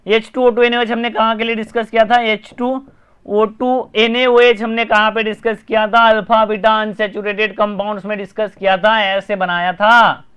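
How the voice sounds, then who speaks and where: A man with an Indian accent runs a live online chemistry lesson, his voice sitting very high and coming through smooth and clear. He talks briskly, repeats key terms again and again, and keeps nudging viewers to comment and share. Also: level tone, a bit bright, highs cut off. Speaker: chemistry teacher.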